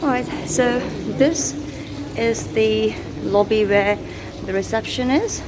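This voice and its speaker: Holding her camera, a woman gives a casual, unscripted hotel tour, chatting haltingly in a slightly high voice as she shows what's around her. She starts in a small hotel room and later heads to the lobby, corridors and elevator, with background ambience in the noisy recording.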